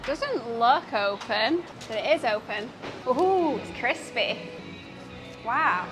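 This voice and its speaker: A young woman with a slightly high voice, narrating a travel vlog in an upbeat, eager way. She describes what she eats with plain enthusiasm. Clear music plays beneath her voice. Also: expressive, slow. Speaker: travel food vlogger. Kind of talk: casual travel vlog chat. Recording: music playing under the voice.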